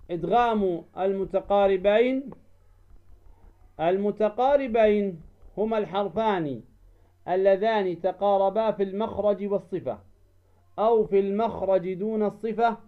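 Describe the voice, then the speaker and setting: A man teaching Quran recitation rules, drawing out example words slowly and asking himself questions, then answering them. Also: high voice, highs cut off. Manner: slow, drawn-out demonstration of recited words; asks and answers his own questions. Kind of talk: tajweed lesson.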